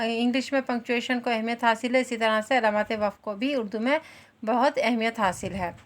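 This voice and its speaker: Pakistani lady teacher, slightly high voice, explains patiently, lots of little pauses. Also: fairly bright tone. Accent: Pakistani Urdu. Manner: patient explanatory delivery with frequent hesitations. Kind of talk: classroom lesson explanation.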